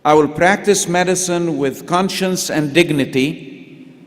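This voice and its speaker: A man leading new physicians through the oath at a ceremony, slow, measured and commanding. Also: on the high side. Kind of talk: formal ceremonial address. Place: large arena. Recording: reverberant arena PA sound.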